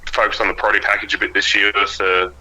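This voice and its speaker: Aussie bloke on a podcast, laid back and plain talking, really bright cutting voice, bit low. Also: male voice, flat delivery, fast talker, rough recording. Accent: Australian. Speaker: guest, race driver and car graphics designer. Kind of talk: casual podcast interview chat.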